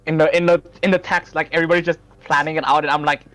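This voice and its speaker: A man's voice: a little high, flat delivery, rapid-fire, fairly bright tone. A man hosting a live stream, chatting casually and playfully into his microphone and often laughing. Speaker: streamer host.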